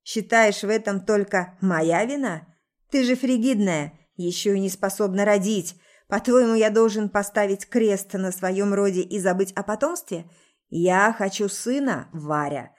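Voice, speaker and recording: A woman reading an audiobook, voicing an angry, cruel, controlling husband who shouts and hisses his words. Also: medium pitch, animated, unhurried, hardly any pauses, close to an everyday voice. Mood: contemptuous. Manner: shouting, hissing through clenched teeth.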